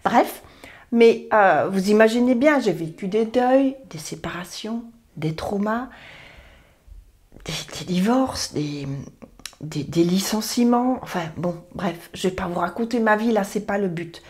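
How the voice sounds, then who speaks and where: Woman, late fifties, therapy practitioner, earnest, rambling, self-correcting, mid-pitched. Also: animated, a little slow, darkish tone. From Belgium. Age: 50s. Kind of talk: personal talk to camera.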